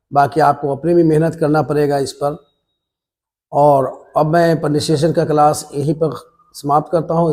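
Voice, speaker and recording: A man with an Indian accent, teaching English pronunciation to his students in a classroom style, spelling words out and repeating them deliberately. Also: on the high side, darkish tone. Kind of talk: slow classroom pronunciation lesson.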